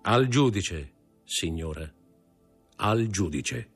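A man's voice: lowish voice, expressive, drawn-out words, slightly rough, faint music behind, heavily acted. A man reading an audiobook, voicing a stern magistrate who coldly accuses his wife. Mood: cold accusing. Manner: cold, accusing, contemptuous.

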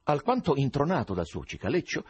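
A man reading an audiobook aloud, with an expressive, varied delivery. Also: mid-range voice, brisk, slightly rough, muffled recording. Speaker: audiobook reader. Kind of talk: dramatic audiobook narration.

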